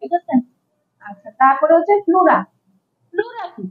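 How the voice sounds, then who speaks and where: A woman's voice: very high voice, sing-song, a little fast, phone-quality sound, soft background music. A young woman with a Bangladeshi Bengali accent giving a classroom lecture as a medical instructor, who explains patiently, asks questions and repeats key terms.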